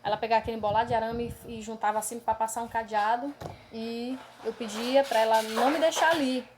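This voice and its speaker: A woman's voice: fairly high pitch, steady tone, fast, slight background noise. A woman preacher earnestly recounting a dream vision as a testimony to her congregation, often calling them brothers. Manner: earnest and emotional, addresses listeners as brothers; tags many phrases with a questioning aside.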